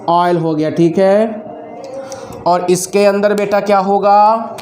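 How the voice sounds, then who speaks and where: A male chemistry teacher with a high-sitting voice gives a classroom lecture, speaking loudly over nearby noise. He quizzes students with repeated questions and dictates terms slowly.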